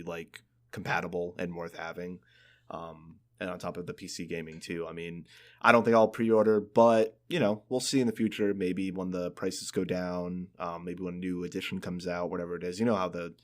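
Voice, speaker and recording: A young man co-hosting a gaming podcast, talking in a rambling way with many fillers. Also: deep voice. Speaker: podcast co-host. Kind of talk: casual gaming podcast chat.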